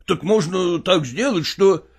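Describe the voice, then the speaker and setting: A man playing a pragmatic older merchant father who coaxes his daughter in a dramatized reading, with a husky, gravelly voice and folksy persuasion. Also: high-pitched, unhurried, exaggerated voice. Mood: coaxing.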